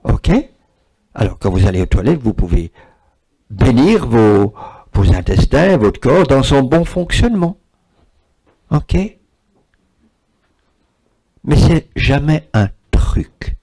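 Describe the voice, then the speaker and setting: A man's voice: mid-range voice, animated, slow, warm tone, slightly rough. A man, giving a spiritual talk and taking questions from an audience, repeating words for emphasis. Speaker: spiritual speaker.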